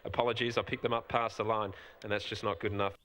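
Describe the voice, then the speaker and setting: An Australian man calling harness races in a rapid, rhythmic rattle of horse names. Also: lowish voice, flat delivery, fairly bright tone. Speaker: race caller. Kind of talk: harness race commentary.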